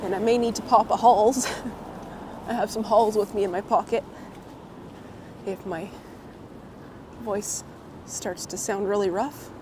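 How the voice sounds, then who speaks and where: Still getting over a cold and slightly hoarse, a woman walks outdoors on a windy city street while chatting live with viewers, friendly, laughing often and naming them as she greets them. She speaks a little slowly in a steady medium pitch, pausing often. A clip-on mic on her coat catches traffic and wind.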